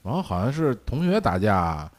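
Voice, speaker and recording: A man with a low voice and a Beijing accent chats casually, telling stories from his own life. His intonation swings widely, and he acts out quoted lines in a colloquial way. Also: very animated, normal speed. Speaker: podcast speaker telling personal stories. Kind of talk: casual storytelling chat.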